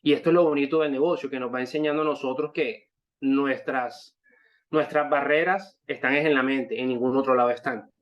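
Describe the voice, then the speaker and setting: This man, thirty-five, has a medium-pitched voice with fairly even intonation and a slightly fast pace. He is a network marketing member from Colombia's Caribbean coast, born in Santa Marta and carrying a Barranquilla accent, talking wordily to an online group and repeating phrases. The call audio is dull and muffled.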